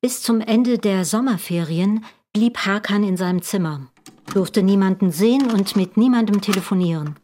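A woman's voice: medium pitch, moderate pace, mellow. A woman narrating a drama in a scripted, intense way, often addressing the listener directly and asking rhetorical questions. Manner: intense, second-person, rhetorical.

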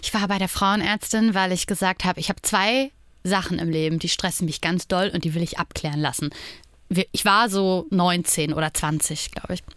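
A woman's voice: fairly low pitch, normal speed, fairly bright tone, no echo. A woman in her thirties, a podcast guest, talking openly and reflectively about her own life, often adding tag questions. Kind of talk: candid personal interview talk.

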